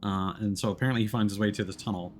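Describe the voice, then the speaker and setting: A man streams a video game and narrates it very quickly in a relaxed, explanatory, chatty way. His voice is fairly low and even in tone, and loud game sounds play behind him.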